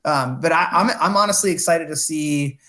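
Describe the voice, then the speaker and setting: Brief: male podcast co-host, slightly high voice, halting delivery full of restarts. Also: bright, forceful tone. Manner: halting, many restarts and fillers. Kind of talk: casual sports podcast chat.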